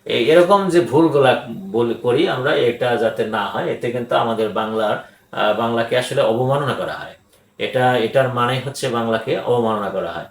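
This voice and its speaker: Older man teaching grammar, echoey room. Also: medium pitch. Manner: deliberate, repeats words for emphasis, frequent hesitations. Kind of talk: grammar lecture.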